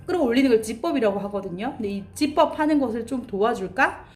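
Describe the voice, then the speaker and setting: A fairly high-voiced woman in her thirties gives a spoken English lesson for daycare staff. She explains things briskly, then slows way down to sound out each example phrase. Her tone stays gentle and encouraging throughout. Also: lively intonation.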